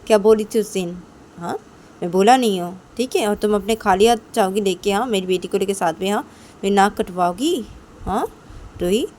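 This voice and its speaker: A woman's voice: medium pitch, normal speed, darkish tone, lightly acted. A woman voicing Piu, a bossy young woman who coaxes and insists, repeating herself, in an amateur audio story. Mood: pushy. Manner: pushy, coaxing, repeats herself. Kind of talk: amateur storytelling with acted voices.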